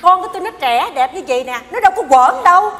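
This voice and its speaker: A woman's voice: very high-pitched, lively intonation, fairly bright tone. A scolding mother-in-law. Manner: scolding, indignant, quick retorts. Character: sharp-tongued scolding mother-in-law, older woman. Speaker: stage comedy actor. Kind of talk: live stage comedy sketch. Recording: live stage, hall reverb, audience noise.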